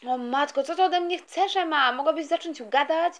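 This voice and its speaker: A woman's voice: high-pitched, normal speed, background noise, lightly acted. A woman voicing an irritable young boy who grumbles in exasperation in a toy story voice-over. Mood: annoyed. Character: irritable young boy, sulky older brother.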